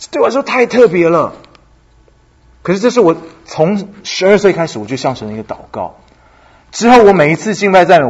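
Man, church testimony, animated storytelling, English phrases mixed in, husky, slightly dull sound. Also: a little high. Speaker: church speaker giving a testimony. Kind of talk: sermon testimony.

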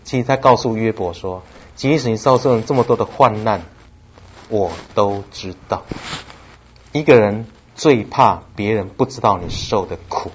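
A man preaching a sermon, telling the story with lively acted-out lines and frequent laughter. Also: on the low side, moderate pace. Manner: lively storytelling, acts out dialogue, laughs often. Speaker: pastor. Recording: slightly dull with faint background noise.

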